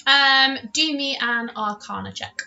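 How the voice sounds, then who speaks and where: Bright-voiced woman running a tabletop game. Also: sits high, measured pace, vocal fry, muffled recording, a little hiss or hum. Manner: playful, informal. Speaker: game master. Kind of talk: casual narration of a tabletop role-playing game.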